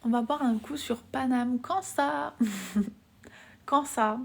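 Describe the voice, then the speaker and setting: A young woman from France chatting casually on a live stream. She often drops into soft whispers, giggles a lot and uses casual slang. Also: sits high, fairly even intonation, takes it slowly, creaky. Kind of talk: live-stream chat with viewers.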